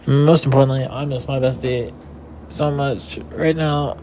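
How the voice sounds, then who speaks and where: A man's voice: medium pitch, steady tone, measured pace, warm tone, slight background noise. A tired young man hosting a casual rambling monologue, meandering with many fillers and restarts. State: tired and yawning. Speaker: podcast host.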